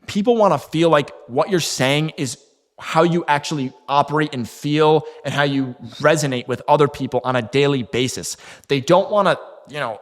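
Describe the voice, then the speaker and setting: A man's voice: on the high side, normal speed. Man coaching in a reverberant room. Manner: conversational, fillers like "you know", occasional restarts. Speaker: marketing coach. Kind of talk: casual instructional talk to camera.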